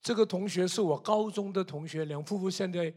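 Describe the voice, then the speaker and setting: Emphatic high-voiced older preacher. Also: male voice, fairly quick. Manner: emphatic, repetitive rhetorical questions; swings from soft asides to loud outbursts. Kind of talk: sermon.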